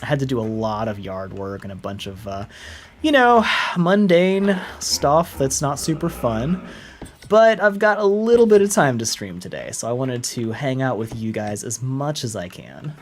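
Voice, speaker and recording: A man live-streaming a game, chatting casually and upbeat, rambling with fillers and soft laughs. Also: mid-range voice, expressive, moderate pace, a little hiss or hum. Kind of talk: casual live-stream chat while playing.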